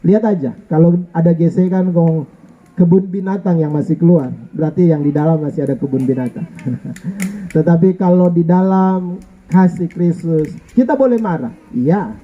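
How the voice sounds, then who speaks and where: In church, a middle-aged male pastor delivers a lively sermon full of jokes and playfulness, asking the congregation for amens. His voice is high-pitched, and the audio sounds narrow and tinny.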